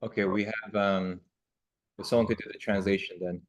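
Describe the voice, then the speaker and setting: A man's voice: lowish voice, flat delivery, moderate pace. A man hosting an online team call, giving a promotional, motivational introduction with repeated emphasis. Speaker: host introducing a guest leader.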